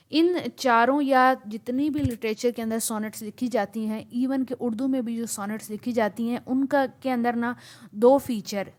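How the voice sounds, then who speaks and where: A woman giving a lecture on poetry. She explains step by step and reads lines of verse with strongly marked stress. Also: on the high side. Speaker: literature teacher.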